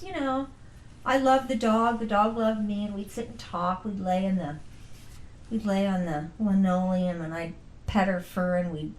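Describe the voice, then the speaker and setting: A woman being interviewed in a casual family conversation, talking in an animated, playful way with frequent laughter. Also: medium pitch. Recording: roomy recording with faint noise.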